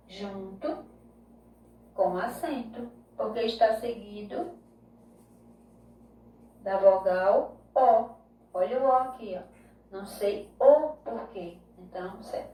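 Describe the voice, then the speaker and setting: A woman's voice: medium pitch, slow pace, pauses often, warm tone. A Brazilian woman teaching a remote grammar lesson to children, explaining patiently step by step and checking in with tag questions. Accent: Brazilian Portuguese. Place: home room. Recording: echoey room, voice distant from mic, faint hiss.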